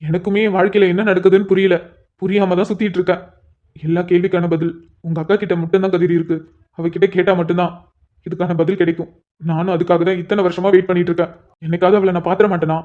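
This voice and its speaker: A man playing a lovesick cop in a cartoon story, pleading and stumbling over his words. He speaks high and rapid. The recording is dull and lo-fi. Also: level tone, lightly acted. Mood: tearful. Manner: pleading, stammering when upset. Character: anxious lovesick police officer, brother-in-law. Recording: dull lo-fi sound.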